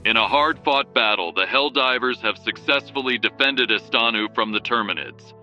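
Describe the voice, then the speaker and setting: A man's voice: medium pitch, normal speed, bright, forceful tone. A man playing a grave, urgent wartime radio news anchor, reading a scripted bulletin in a rousing manner. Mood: proud, rousing. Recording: music behind the voice. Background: music.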